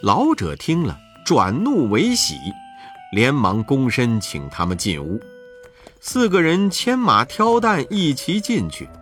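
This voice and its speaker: A narrator telling a children's storybook with an expressive delivery. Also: mid-range voice, slow pace, soft background music.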